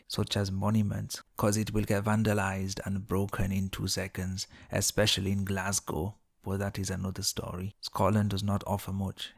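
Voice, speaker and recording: A man's voice: fairly low pitch, gravelly. A man narrating a scripted list video in a mocking, sarcastic manner.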